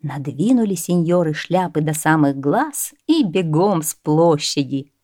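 A woman narrating a folk tale in a measured, expressive storybook reading. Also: low-pitched, no echo, clean studio sound.

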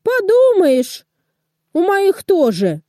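A woman voicing a touchy, competitive railway station in a children's storybook, pitched up and dismissive. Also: very animated, slow pace, dark tone, no echo, studio quality, full character voice. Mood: huffy.

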